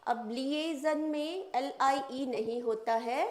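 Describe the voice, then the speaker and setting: A woman's voice: sits high, slow, a little mellow, roomy sound. A woman teacher giving an exam-prep spelling lesson, repeating each word and spelling it out letter by letter.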